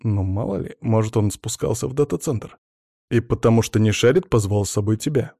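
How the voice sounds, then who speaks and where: Man voicing a calm, probing investigator. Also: on the low side, vocal fry, no room sound, clean studio sound. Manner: soft, measured questioning. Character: calm, probing male investigator, gently ironic.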